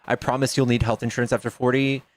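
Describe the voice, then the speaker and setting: This fast-talking streamer in his thirties has a medium-pitched voice and a flat delivery, captured in a dry recording. He keeps up casual chatter, reading donations and joking around with viewers.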